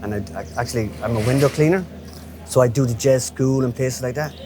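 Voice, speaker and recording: Speaking briskly in a mid-range voice, a man in his fifties from Galway, a local window cleaner, shares casual memories as an interviewee. The talk is colloquial and chatty, full of "you know" check-ins, over noisy street ambience and traffic.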